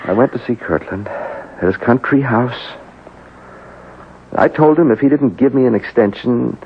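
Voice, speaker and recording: An actor playing a troubled, hungover shopkeeper in a radio drama, talking in a hesitant, stammering way. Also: male voice, mid-range voice, expressive, measured pace, breathy edge, heavily acted. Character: troubled hungover male shopkeeper, anxious, defensive. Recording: muffled 1970s radio drama.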